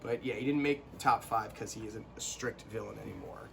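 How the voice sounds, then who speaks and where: A young man co-hosting a casual chat, animated and quick to burst into quoted lines. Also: fairly low pitch, vocal fry, slight background noise. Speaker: co-host.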